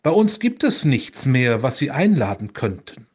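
A man's voice: mid-range voice, very animated, normal speed, slightly rough. A man reading the lines of a kindly, determined bishop pleading for hungry people in a storybook legend. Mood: urgent.

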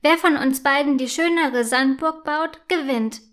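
A woman's voice: sits high, a little slow, fairly bright tone. A woman doing a bossy, bragging big-sister girl. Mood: bossy, boastful. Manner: teasing, stubborn, bragging.

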